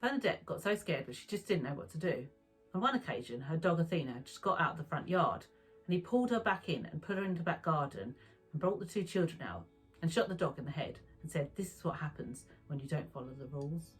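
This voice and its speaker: A woman narrating a true crime story in a calm, even storytelling manner. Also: sits low, fast, husky, soft background music, rough recording.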